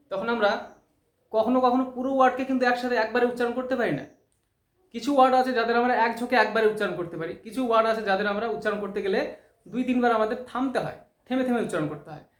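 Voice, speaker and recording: A man teaching English grammar, explaining terms step by step, repeating key words and asking rhetorical questions. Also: very high voice. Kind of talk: classroom-style explanation. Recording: echoey room with faint noise.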